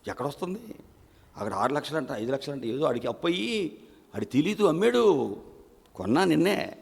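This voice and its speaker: A man's voice: fairly high pitch, very animated, fairly quick, creaky. Man preaching a sermon in an echoing hall. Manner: rhetorical questions and chanted lists of verbs. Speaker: pastor. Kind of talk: Sunday sermon. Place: church service. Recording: long echo of a church hall.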